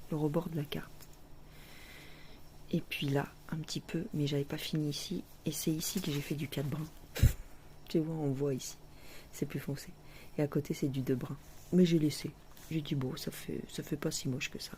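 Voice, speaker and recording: A woman's voice: low-pitched, a little mellow, slight background noise. A woman vlogger chatting casually about her cross-stitch projects in a chatty, self-mocking way, often dropping to a near whisper.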